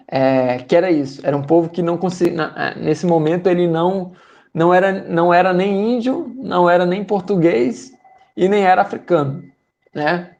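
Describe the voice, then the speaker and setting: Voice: medium pitch, darkish tone. A speaker with a Brazilian accent summarizing a book for a study group, hesitant, with many fillers and repeated words.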